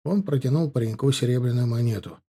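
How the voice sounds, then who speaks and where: A man narrating a historical audiobook in a measured, expressive way. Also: mid-range voice, slightly rough. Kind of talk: scripted narration.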